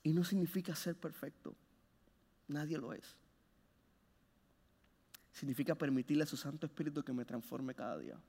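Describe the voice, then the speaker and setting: High-voiced man preaching in a reverberant hall. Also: normal speed, vocal fry, long pauses, slightly rough. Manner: impassioned, swings from loud urging to hushed low phrases. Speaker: pastor. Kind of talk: sermon.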